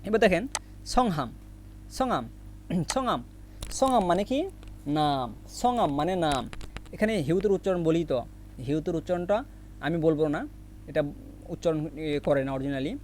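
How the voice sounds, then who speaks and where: A man's voice: a little high, lively intonation, moderate pace, pauses often, darkish tone, a little hiss or hum. A man teaching vocabulary, asking what each word means and answering it himself over and over. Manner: repetitive question-and-answer drilling. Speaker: Korean language teacher. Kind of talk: recorded vocabulary lesson with memory tricks.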